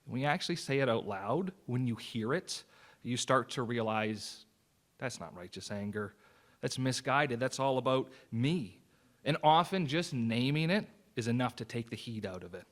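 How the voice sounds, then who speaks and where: A man's voice: medium pitch, lively intonation, normal speed. A man preaching a sermon as associate pastor, in an earnest, conversational way with personal stories.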